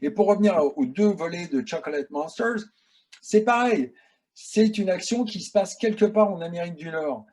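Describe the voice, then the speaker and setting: A man talking as the guest of an interview, telling stories in a chatty, animated way. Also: sits high, moderate pace. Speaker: guest filmmaker. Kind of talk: casual interview answers.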